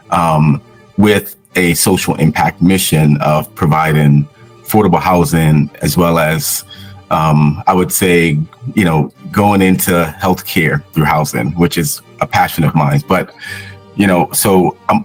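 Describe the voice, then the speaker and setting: A man from Jamaica, a physician guest on a podcast, telling his story earnestly with many pauses and fillers. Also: low voice, breathy edge. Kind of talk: casual interview.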